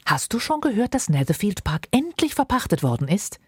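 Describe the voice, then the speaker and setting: A woman acts out a fussy, marriage-obsessed mother in an audiobook reading, insistent and gushing. Her voice climbs well above a low, slightly husky base. It swoops widely and sounds dry and close. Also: big pitch swings, a little fast, a little mellow, dry recording. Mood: eager, insistent. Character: fussy excitable middle-aged mother eager to marry off daughters. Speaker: reader.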